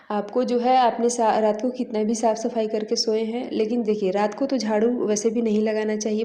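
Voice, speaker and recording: A woman's voice: a little high, mellow. A woman vlogger giving household advice to her viewers in a casual, instructive way, calling them friends.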